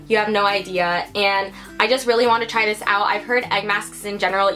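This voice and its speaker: Bright, chatty young American woman vlogging. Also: mid-range voice. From United States. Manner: chatty and upbeat, lots of "like" and "you guys". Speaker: beauty vlogger. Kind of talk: casual product haul talk to camera. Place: her room indoors.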